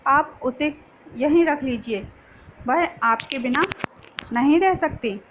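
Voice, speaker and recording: A woman's voice: high voice, slow pace, a bit bright, slight background noise. A woman reading the part of a weary, hard-up younger brother and father who pleads as she reads. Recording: dull lo-fi recording.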